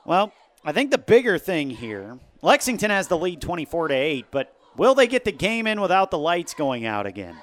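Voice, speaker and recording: A man doing live football play-by-play, calling each play briskly as it happens. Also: a little high, sing-song. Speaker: play-by-play announcer.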